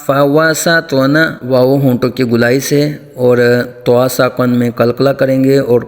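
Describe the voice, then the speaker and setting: A man teaching tajweed, explaining rules in quick speech and then chanting verses slowly and melodically. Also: medium pitch, little pitch movement, dark tone. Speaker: Quran recitation teacher. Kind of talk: tajweed lesson with chanted recitation. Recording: long reverb, faint music.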